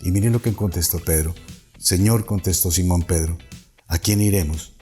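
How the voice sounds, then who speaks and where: A man's voice: low voice, normal speed, warm tone, faint music behind. A man with a Colombian Spanish accent, a pastor preaching a sermon, reading Bible passages aloud and lifting his voice on the quoted calls. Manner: reads Bible passages aloud with rising emphasis on quoted calls, restarts words. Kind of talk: sermon reading and explaining scripture.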